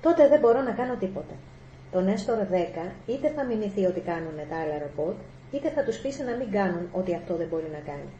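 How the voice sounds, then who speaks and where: A woman's voice: mid-range voice, lively intonation, dark tone, highs cut off, a little hiss or hum, lightly acted. A woman reading a stern robot psychologist. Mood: insistent. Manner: firm, insistent. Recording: echoey room, faint ambience.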